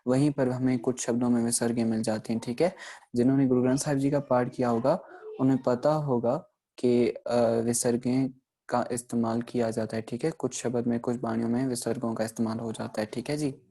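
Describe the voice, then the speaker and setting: A man giving a recorded lesson on pronunciation, explaining patiently and often pausing to check in with his listeners, slowing down to sound out example words. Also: mid-range voice, flat delivery, mellow. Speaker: teacher. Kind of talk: recorded online grammar lesson.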